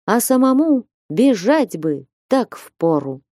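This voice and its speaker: A woman's voice: on the high side, very animated, takes it slowly, dark tone, no room sound, clean studio sound, pitched above the performer's own voice. A woman voicing a meek, timid young man who sighs and refuses in an audiobook. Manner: timid, sighing. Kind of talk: audiobook reading.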